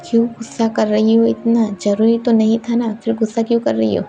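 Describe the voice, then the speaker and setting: A woman's voice: on the high side, monotone, fairly quick, gravelly, dark tone, lo-fi sound, soft background music. A woman voicing a young woman doctor who placates her upset girlfriend, soothing and mildly exasperated.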